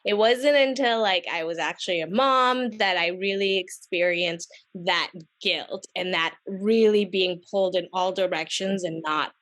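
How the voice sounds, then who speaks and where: A woman, talking on a discussion panel. Her voice sits fairly low, and she rambles casually, with plenty of "like" and "you know". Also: unhurried, few pauses, fairly bright tone. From Pakistan. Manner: chatty, many fillers.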